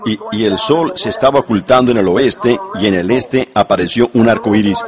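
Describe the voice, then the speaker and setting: A man's voice: on the low side, moderate pace, crowd noise. A man preaching a sermon earnestly, telling stories and repeating points for emphasis, in a church before a congregation. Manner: storytelling, earnest, repetitive emphasis.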